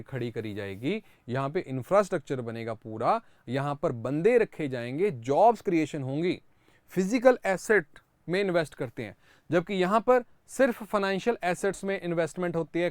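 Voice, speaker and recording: A man's voice: a little high, smooth, dry recording. A man teaching current affairs for exam prep, explaining step by step, calling his students kids and asking rhetorical questions.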